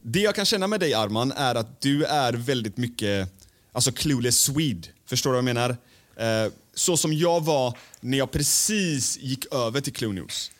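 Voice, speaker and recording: A man's voice: mid-range voice, lively intonation, faint music behind. Blunt, hesitant man co-hosting a podcast. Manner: frank and swearing, full of hesitant fillers; mimics others in loud raised voices. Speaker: podcast co-host. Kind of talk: casual podcast chat.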